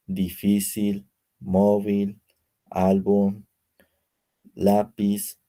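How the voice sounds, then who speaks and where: A young man reading a spelling lesson aloud, going through word lists with pauses and small slips. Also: deep voice, dark tone. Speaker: student presenter.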